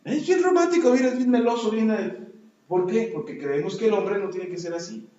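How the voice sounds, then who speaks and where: A man preaching a sermon as a pastor, swinging from loud emphasis down to soft, low lines. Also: animated, fairly quick. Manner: emphatic preaching, rising loud on key words then dropping low and soft. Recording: echoey, dull lo-fi sound.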